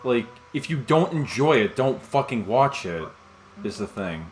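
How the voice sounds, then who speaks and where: A young man co-hosting a casual chat, blunt and quick to swear, stumbling over his words. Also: medium pitch, sing-song, slight background noise. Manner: blunt, swears a lot, stammers.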